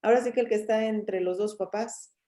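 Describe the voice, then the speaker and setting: A woman with a warm, mellow voice, speaking as a family court official on a video call. She hunts for her words, restarting her phrases again and again. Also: medium pitch, steady tone, a little fast. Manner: hesitant, searching for words with many restarts. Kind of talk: panel discussion over video call.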